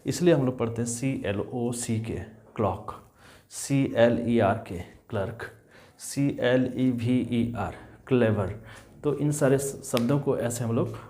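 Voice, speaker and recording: A man's voice: mid-range voice, a little slow, few pauses, dark tone. Male teacher spelling out words. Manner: repeats each rule, spells words out letter by letter; addresses students as children, checks in with "is that clear". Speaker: English teacher. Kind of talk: spelling and pronunciation lesson.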